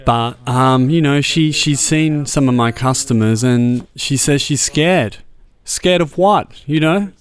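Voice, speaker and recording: A man's voice: mid-range voice, unhurried, hardly any pauses, clear, resonant tone. An Australian man who works in a record shop, speaking reflectively and thoughtfully in an interview.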